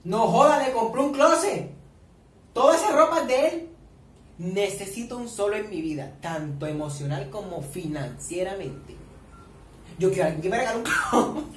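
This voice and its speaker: Excitable Colombian coast man, a reaction vlogger who shrieks and curses, high and animated, mic distant in a boomy room. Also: moderate pace. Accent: Colombian Caribbean coast. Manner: excitable, swears a lot, shrieks and squeals. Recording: echoey room, distant mic, faint noise.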